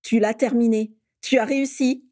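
A woman playing a brooding teenage boy wizard, voiced lower than her own and heavy with resolve. His delivery is muffled and earnest, with a mellow tone. The recording is dry and close. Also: normal speed, dry recording, close to an everyday voice. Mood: eager.

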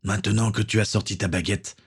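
A man's voice: fairly low pitch, fairly even intonation, brisk, slightly rough. A man voicing a stern middle-aged pirate captain, an uncle who speaks with firm authority.

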